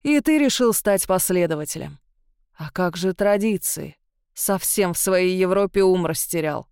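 A woman's voice: on the low side, expressive, normal speed, a little mellow, clean tone, no echo, studio quality. A woman voicing a stern, domineering older father who scolds his son. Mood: scolding. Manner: commanding, scolding.

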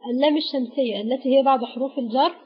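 A woman with an Egyptian accent gives a patient grammar lesson. She names each letter with a pause after it. Her voice is fairly high and husky, and the recording sounds dull and lo-fi. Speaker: Arabic teacher.

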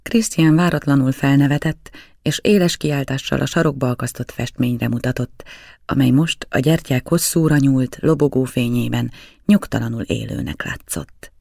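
Man reading a novel, gravelly dry voice. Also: mid-range voice, a little mellow, no room sound. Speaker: audiobook reader. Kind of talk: scripted narration of a novel.

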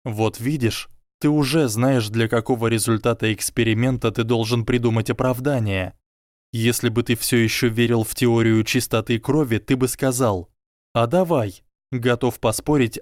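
Man voicing an earnest boy wizard, calm, lecturing, mid pitch. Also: normal speed, dry recording, studio quality, natural voice. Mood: reasoning. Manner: calm, reasoning, quietly persuasive.

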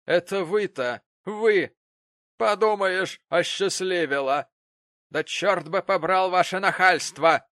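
Мужчина изображает язвительную злую старую сиделку. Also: male voice, sits high, slow pace, dry recording, clean studio sound, voice pushed up, heavily acted. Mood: sneering. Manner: sneering, shouting. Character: mocking, bad-tempered old woman nurse.

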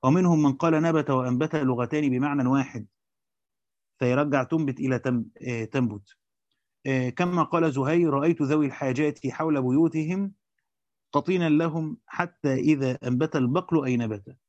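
A man with an Egyptian accent reads a commentary at a rapid clip, breaking off into colloquial asides where he stumbles and restarts his words. The recording is dry and a little dull, as if captured close up with modest equipment. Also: fairly high pitch, darkish tone, dry recording. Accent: Egyptian Arabic. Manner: fast reading with hesitant restarts in the asides. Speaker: teacher reading and explaining a Quran commentary. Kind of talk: classical Arabic reading with Egyptian colloquial asides.

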